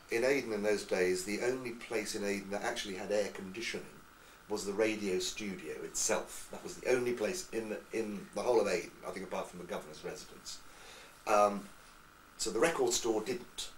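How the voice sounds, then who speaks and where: Distant, echoey lower-voiced Englishman. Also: a little hiss or hum. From England. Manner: lively storyteller, slips into accents. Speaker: actor interviewee. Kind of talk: anecdotal interview chat. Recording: echoey room, far from mic.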